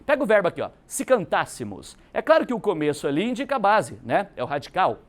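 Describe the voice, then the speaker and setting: A man's voice: high voice, wildly swooping pitch, fast. A Brazilian man teaching a grammar lesson for exam prep, emphatic and constantly checking in with his students. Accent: Brazilian Portuguese.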